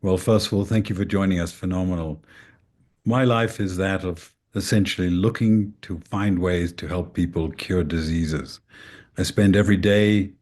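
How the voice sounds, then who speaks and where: A man's voice: sits low, steady tone, normal speed, darkish tone. A man introducing himself at an event panel, speaking in an emphatic, earnest way. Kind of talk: speech at an event.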